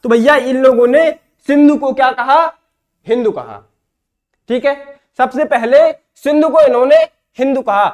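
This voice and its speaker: A man's voice: extremely high pitch, fairly even intonation, moderate pace, darkish tone. A male teacher with an eastern Uttar Pradesh Hindi accent giving an exam-prep lecture, often asking questions and answering them himself. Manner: repeats himself, asks and answers his own questions.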